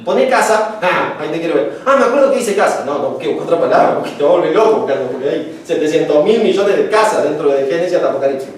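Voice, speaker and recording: A man's voice: a little high, animated, fast, hardly any pauses, slight background noise. A man teaching a homiletics class in a chatty, joking way, acting out little stories. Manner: chatty, joking, acts out anecdotes. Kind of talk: casual classroom lecture. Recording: echoey room from far off.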